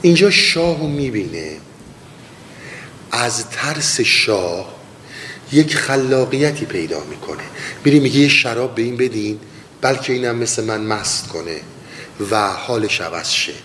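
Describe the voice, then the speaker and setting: A man teaching mystical poetry, chanting lines slowly and then explaining them in quick casual talk. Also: animated, fairly bright tone. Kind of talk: spoken lesson with slow verse recitation. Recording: long hall reverb, faint rumble.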